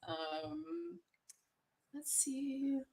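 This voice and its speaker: A woman's voice: sits high, fairly even intonation, very slow, creaky, warm tone. A woman co-hosting a casual livestream, chatty and self-deprecating, laughing easily. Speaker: co-host.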